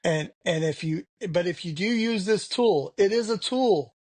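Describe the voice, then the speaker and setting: A podcast guest speaks frankly in a candid conversational interview, rambling and dropping lots of "you know" fillers. His voice sits high and unhurried, in a dry recording.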